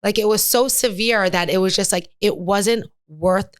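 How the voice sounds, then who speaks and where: A woman's voice: medium pitch, moderate pace, no echo. A middle-aged woman telling her own story as a podcast guest, candid and earnest. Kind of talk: casual interview chat.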